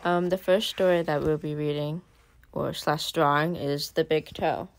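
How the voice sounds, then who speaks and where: A woman's voice: low voice, steady tone, measured pace, vocal fry, poor audio. A woman reading a short horror story aloud, dramatic in her storytelling. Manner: dramatic storytelling, varying loudness for suspense. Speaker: storyteller and artist.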